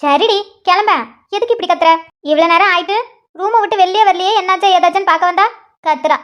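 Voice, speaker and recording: A woman's voice: extremely high pitch, fast, a bit bright. A woman voicing a preachy village mother who scolds her grown daughter. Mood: nagging. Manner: nagging, preachy.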